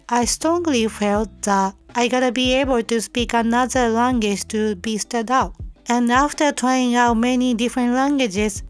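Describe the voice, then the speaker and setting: Japanese woman host, slightly high voice, careful scripted read, soft music bed. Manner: careful, measured reading in non-native English. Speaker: podcast host. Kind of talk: scripted solo podcast narration.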